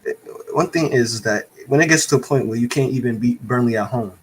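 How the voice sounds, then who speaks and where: A man's voice: medium pitch, a little fast, a little hiss or hum, low-quality recording. A man calling in as a guest fan, talking with many ums and restarts over an unstable internet call. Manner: hesitant, lots of ums and restarts. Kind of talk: casual opinionated chat. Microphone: remote call with an unstable connection.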